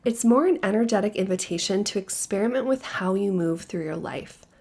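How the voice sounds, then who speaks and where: A woman podcast host, hoarse while recovering from a cold, calmly sharing a gentle, spiritual guidance monologue. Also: mid-range voice. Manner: calm, soothing, measured delivery.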